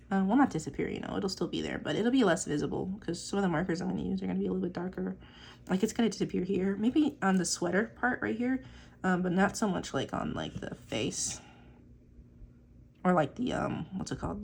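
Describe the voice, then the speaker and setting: Fairly low in pitch with vocal fry and a slightly mellow tone, the young woman rambles chattily as she inks a drawing. She's an artist vlogger who swears casually and fills her gaps with plenty of "like" and "um," and a little hiss or hum can be heard.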